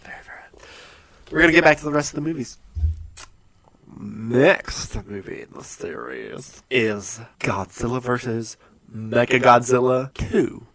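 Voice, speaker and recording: A man chats on a podcast as a guest, his voice swinging up and down as he tells stories and breaks into frequent laughter. His pitch sits in the middle of the range for men. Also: unhurried, no room sound. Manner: laughs often, animated storytelling. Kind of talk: casual chat.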